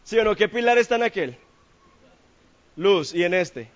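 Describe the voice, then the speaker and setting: A man's voice: high-pitched, animated, moderate pace, highs cut off. A man preaching a sermon in church, asking the congregation questions in a playful, colloquial way.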